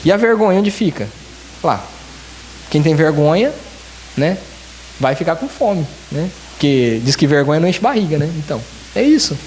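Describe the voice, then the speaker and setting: A man's voice: on the high side, sing-song, normal speed, pauses often, darkish tone, a little hiss or hum. A man, a church elder, preaching a sermon and pleading earnestly with the congregation, often repeating key phrases. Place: church service in Japan.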